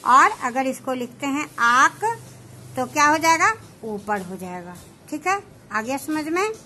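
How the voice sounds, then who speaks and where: A woman teaching shorthand, explaining each step slowly and checking whether her students understand. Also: high-pitched, lively intonation, sharp tone, slight background noise. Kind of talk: slow classroom explanation.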